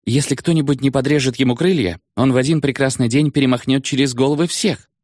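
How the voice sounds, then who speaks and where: Casting note: a male reader doing a teasing, inquisitive wife in an audiobook, lifted pitch, dry close sound. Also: fast, a little mellow, no echo, close to an everyday voice. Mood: wry, probing. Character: woman, wife, wry and probing. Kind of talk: audiobook character voice.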